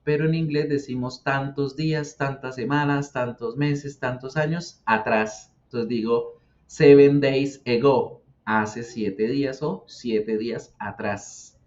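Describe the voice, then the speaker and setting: Man, English teacher, patient, repeats words slowly, dull lo-fi sound. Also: mid-range voice, fairly even intonation, darkish tone. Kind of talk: explaining English grammar and pronunciation.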